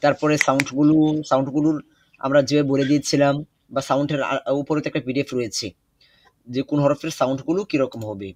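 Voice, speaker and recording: A young man teaching an online Quran recitation class, patient and repetitive, often pausing with hesitations. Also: medium pitch, fairly even intonation, a little mellow, dull audio. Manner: patient, repeats instructions, many hesitations.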